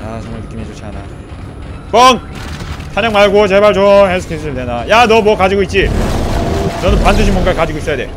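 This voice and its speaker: A man doing let's play commentary on a horror game, pleading with and yelling at enemies in a panic, then muttering to himself as he plays. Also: high-pitched, sing-song, quick pace, background noise. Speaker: gameplay commentator. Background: loud horror game music and sound effects.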